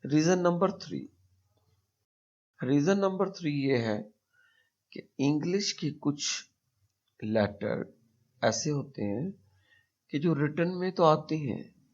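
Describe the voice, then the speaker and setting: A man with a Pakistani accent teaching a pronunciation lesson, speaking slowly and deliberately and repeating example words to demonstrate them. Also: a little high, expressive, a little mellow. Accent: Pakistani Urdu-speaking. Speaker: English teacher. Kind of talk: explanatory language lesson. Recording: dull lo-fi recording.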